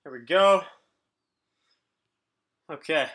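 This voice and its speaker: A man's voice: fairly high pitch, very slow, a bit bright. A man coaching a home workout on a casual livestream, chatting informally with viewers and giving instructions. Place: indoors at home.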